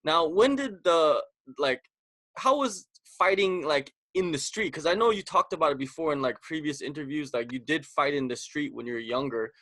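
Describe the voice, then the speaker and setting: A slightly high, somewhat bright male voice with a moderate pace and no room sound belongs to a podcast host from the US West Coast. He chats through the interview informally, his sentences full of "like" and "you know."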